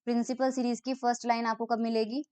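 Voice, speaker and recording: Clear-voiced woman lecturing step by step. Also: a little high, flat delivery, mellow, no room sound. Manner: explains step by step, reads English definitions slowly, then restates them in Hindi. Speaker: physics lecturer. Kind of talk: recorded online lecture.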